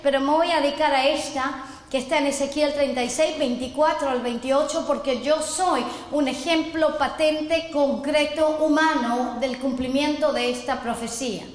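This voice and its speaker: Long reverb fills the echoey hall where this middle-aged woman from Chile teaches as a messianic apostle. Speaking at normal speed in a high, steady voice, she reads scripture earnestly and asks the audience to repeat her words.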